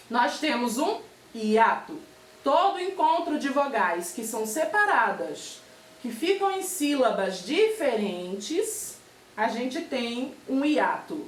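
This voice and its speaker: A woman's voice: high voice, a little hiss or hum. A Brazilian woman teaching a remote primary school lesson, patiently spelling out examples and checking in with her pupils. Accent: Brazilian Portuguese. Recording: echoey room, far from mic.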